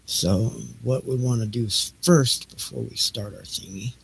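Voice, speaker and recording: A middle-aged man with a gravelly, mid-range voice chats unhurriedly on his homemade livestream. He rambles and half mutters as he tinkers with his equipment, and the setup picks up plenty of noise.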